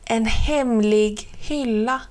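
A woman narrating a children's storybook in a gentle, clear way. Her voice sits somewhat high.

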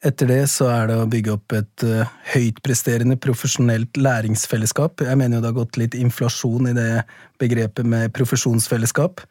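A school principal being interviewed about his book, speaking thoughtfully with frequent pauses and fillers. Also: mid-range voice, level tone, darkish tone, no room sound, studio quality. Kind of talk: podcast interview.

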